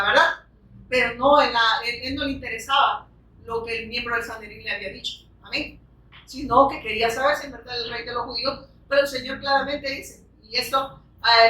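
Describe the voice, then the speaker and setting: Woman preacher, bright higher voice, delivering a fervent sermon; recorded from a distance in a reverberant church. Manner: fervent, frequent rhetorical questions and amens. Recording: echoey room, distant from the mic.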